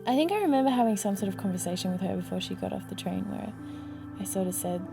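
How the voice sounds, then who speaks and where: A woman's voice: mid-range voice, animated, fast talker. A young woman casually recounting a personal story to her partner, hesitant, with lots of fillers and restarts. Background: soft background music.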